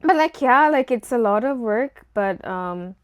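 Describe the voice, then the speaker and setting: A young Kenyan woman studying engineering chats casually as a guest, filling her talk with "like" and "you know." English is one of her first languages, though not her only one. Her fairly high voice is expressive and clean in tone, moving a little slowly.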